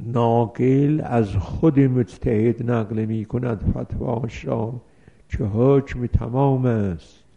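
A man's voice: mid-range voice, creaky, mellow. A man teaching a seminary lesson on religious law, reading out Arabic passages and explaining each one with worked examples. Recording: dull lo-fi recording.

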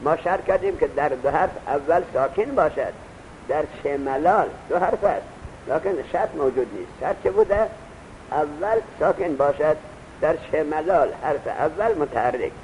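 A man with a slightly high-pitched voice gives a grammar lecture. He goes over each point again, puts questions to his students and tells them to write things down. A faint rumbling noise sits behind him. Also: lively intonation, a little mellow, rough recording. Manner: repeats points and quizzes the students; urges students to take notes. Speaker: teacher of Arabic grammar. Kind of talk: classroom lecture.

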